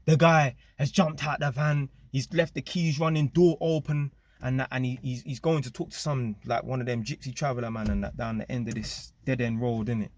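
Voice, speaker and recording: A man casually telling a story to camera, animated and full of street slang and tag questions. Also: mid-range voice, brisk, hardly any pauses. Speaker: vlogger.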